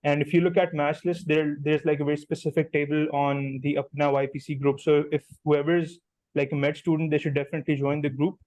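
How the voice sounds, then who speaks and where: Pakistani guy in his 20s, kinda high flat voice, mixes in urdu, dry muffled sound. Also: no echo. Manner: mixes Urdu phrases into English, steady and measured. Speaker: guest, newly matched doctor. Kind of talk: casual conversational answers.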